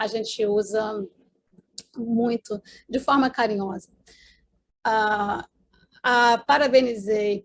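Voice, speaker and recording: A Brazilian woman speaks with a Brazilian Portuguese accent in a fairly high voice as she presents research at an online conference. Her delivery is explanatory and full of fillers and tag questions. A faint hiss of noise sits under the video-call audio. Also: darkish tone.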